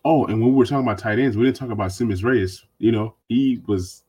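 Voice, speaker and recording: A man's voice: medium pitch, fast talker, a little mellow, slightly rough. A man hosting a sports podcast, chatting casually and animatedly, with mocking voices when he quotes others. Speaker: podcast host.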